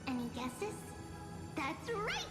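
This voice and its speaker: A squeaky chipmunk-voiced bath sprite. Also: female voice, wildly swooping pitch, slow pace, heavily acted. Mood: cheerful. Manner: chirpy, sing-song storytelling. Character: tiny bath sprite narrator, chirpy and bossy. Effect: sped-up, squeaky chipmunk voice. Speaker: storyteller giving a history class. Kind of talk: video game cutscene voice acting. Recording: echoey room with loud music.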